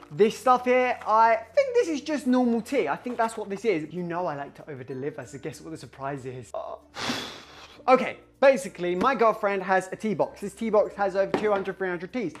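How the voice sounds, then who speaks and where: A young man chatting casually in a home video, excitable, rambling and sweary. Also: sits high. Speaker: vlogger. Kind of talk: casual vlog chat.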